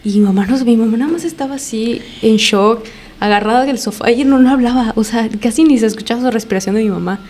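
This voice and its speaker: A woman's voice: a little high, fast, a little mellow, slight background noise. A young woman, casually telling a personal story on a podcast and acting out what people said with repeated phrases. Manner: retells events with many quoted lines, repeats phrases.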